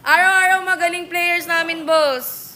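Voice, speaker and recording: Very high-voiced woman bantering on a live stream. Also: fairly even intonation, bright, forceful tone. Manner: playful, teasing banter with quick comebacks. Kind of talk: casual live-stream chat, answering viewer comments. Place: billiards venue.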